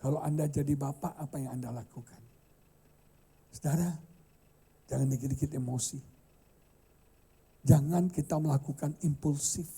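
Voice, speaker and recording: A male pastor preaching a sermon and telling stories, swinging from loud high outbursts to hushed tones. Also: moderate pace, long pauses, breathy edge. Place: church hall.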